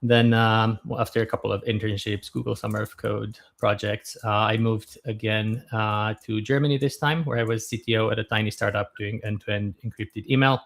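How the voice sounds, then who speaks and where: A man in his thirties from Romania, a guest on a podcast interview, talking in a relaxed, thoughtful way with frequent fillers. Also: on the low side, normal speed, gravelly, hardly any pauses. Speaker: guest, startup founder.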